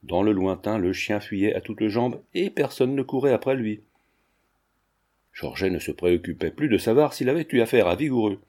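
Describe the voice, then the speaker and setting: Man, audiobook narration, mellow dark tone, measured dramatic reading. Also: on the low side, animated.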